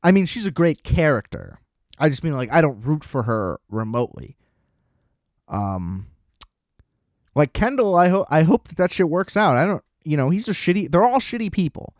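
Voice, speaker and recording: A man hosting a solo podcast, chatting casually about TV in an excitable, profane, rambling way. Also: fairly high pitch, moderate pace, no room sound, studio quality. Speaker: podcast host.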